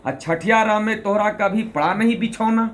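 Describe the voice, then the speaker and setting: Storybook sock, male and sharp-tongued, fires back in verse; a man puts it on, raised pitch. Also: moderate pace, a little hiss or hum. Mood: mocking retort. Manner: retorting in rhyming verse, mocking.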